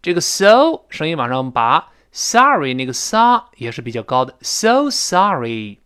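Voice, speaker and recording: Lively, clear-voiced male teacher. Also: mid-range voice, moderate pace. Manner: lively explanatory teacher who demonstrates the sounds he describes. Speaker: English pronunciation teacher. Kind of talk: recorded audio lesson explaining English intonation.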